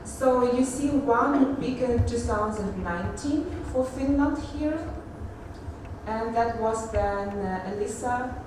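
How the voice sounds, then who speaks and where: A woman giving a technical conference presentation, pausing often with fillers and restarts. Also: a little high, noisy background. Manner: hesitant, many fillers and restarts. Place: large echoey conference hall. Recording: echoey hall audio from far off.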